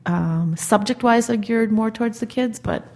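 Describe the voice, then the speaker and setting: A woman's voice: a little high, normal speed, darkish tone. A woman co-hosting a podcast in casual chat, rambling and upbeat. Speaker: podcast co-host.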